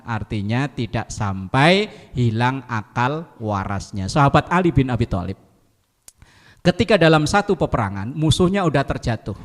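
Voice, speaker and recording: A man's voice: mid-range voice, long reverb tail. A man giving a sermon to a congregation, telling jokey stories and acting out quotes. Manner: lively, jokey storytelling with acted quotes. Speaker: preacher.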